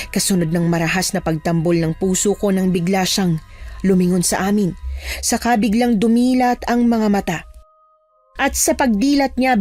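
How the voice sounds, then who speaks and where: A woman's voice: medium pitch, darkish tone. Suspenseful woman narrating a horror tale. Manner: dramatic, suspenseful. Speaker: first-person narrator. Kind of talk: scripted horror story narration.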